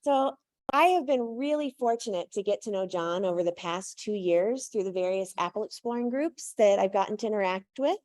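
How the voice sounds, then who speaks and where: A woman's voice: medium pitch, lively intonation, normal speed, a little mellow, dry recording. A woman hosting a live event, introducing a speaker in a projected, coach-like voice without a microphone. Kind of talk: spoken introduction to a live audience. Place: room with a live audience.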